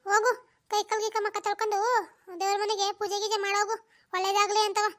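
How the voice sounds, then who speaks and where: A woman voicing a sharp-tongued village mother-in-law who curses and wails loudly in a cartoon. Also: very high voice, level tone, fast talker. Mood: bossy angry. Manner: loud cursing rants, wailing complaints. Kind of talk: cartoon voice acting.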